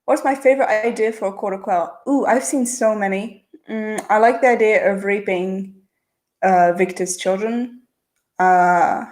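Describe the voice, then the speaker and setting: A channel host with a mixed international-school accent reads viewer questions aloud on a livestream and answers them casually. Her mid-range voice is a little mellow, and she's chatty, replying quickly with lots of "uh" and "um."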